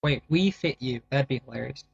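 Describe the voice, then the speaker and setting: A man's voice: medium pitch, gravelly, breathy edge, highs cut off. A man co-hosting a podcast in casual chat, often stopping and restarting his sentences. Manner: halting, many restarts. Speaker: podcast co-host.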